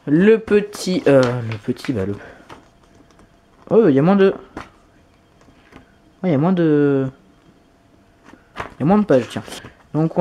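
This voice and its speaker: A man's voice: on the high side, dark tone, a little hiss or hum. Gushing man unboxing on camera. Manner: enthusiastic, gushing with frequent exclamations. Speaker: YouTuber. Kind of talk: unboxing vlog.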